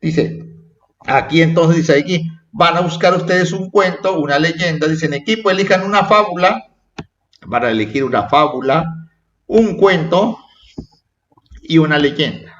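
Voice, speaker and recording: Teacher guy explaining a lesson to kids, slightly high voice, roomy muffled sound. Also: measured pace, pauses often, fairly bright tone. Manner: repetitive, checking in with "¿sí?" and "¿eh?". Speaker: primary school teacher. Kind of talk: online class for children. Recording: echoey dull lo-fi room recording.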